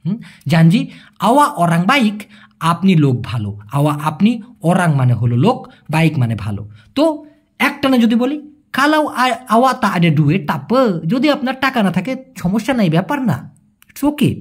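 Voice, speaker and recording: A man's voice: high voice, moderate pace, husky. A man, teaching vocabulary in a casual video lesson, chatty and joking. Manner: chatty and animated, jokes in colloquial asides. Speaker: language teacher.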